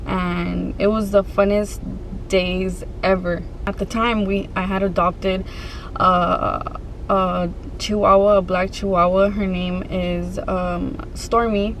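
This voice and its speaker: A woman vlogger telling a personal story to her viewers in a casual, conversational way, pausing and restarting as she goes. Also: medium pitch, little pitch movement, fairly bright tone, slight background noise, low-quality recording.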